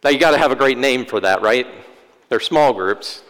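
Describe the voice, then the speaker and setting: A priest delivering a sermon in a church, with wry, self-deprecating humor. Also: male voice, medium pitch, animated, normal speed, fairly bright tone. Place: church sanctuary. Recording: long church-hall reverb.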